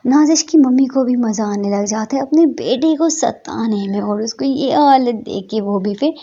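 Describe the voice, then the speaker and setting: A woman's voice: fairly high pitch, moderate pace, dark tone, husky. A woman narrating a story in a loose, casual, repetitive way. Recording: dull lo-fi recording.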